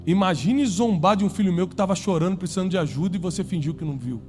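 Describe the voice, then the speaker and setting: A man preaching a sermon to a congregation, emphatic, rising to loud peaks and dropping low. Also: fast talker, soft background music. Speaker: pastor.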